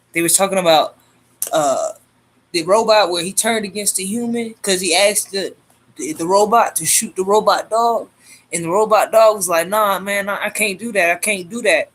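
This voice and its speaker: A man's voice: high-pitched, a bit bright. A man hosting his own channel, talking in a loose, slangy, rambling monologue full of fillers and restarts. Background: faint homemade beat playing.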